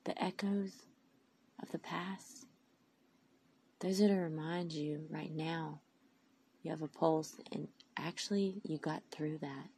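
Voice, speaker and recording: A woman's voice: low-pitched, fairly even intonation, takes it slowly, gravelly, pauses often, a little mellow, slight background noise. A woman giving a heartfelt, emphatic inspirational talk about faith, sounding tired and tearful. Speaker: faith vlogger. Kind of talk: inspirational monologue.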